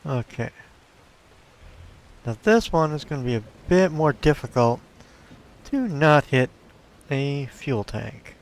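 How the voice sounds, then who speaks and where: A man's voice: mid-range voice, animated, slow pace, pauses often, a little hiss or hum. A man giving casual gameplay commentary as a let's play host, thinking aloud and talking to his viewers.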